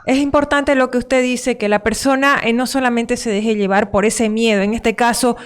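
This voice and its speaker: A woman's voice: fairly high pitch, steady tone, normal speed, clean tone. A woman hosting a radio interview, asking long, rambling questions. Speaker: radio host.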